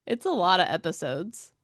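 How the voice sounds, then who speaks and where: A woman's voice: on the high side, fairly bright tone, husky, dry recording, studio quality. A woman co-hosting a book podcast, chatting casually with a slight lisp and laughing often. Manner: giggly, exclamatory, laughs often. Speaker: podcast co-host.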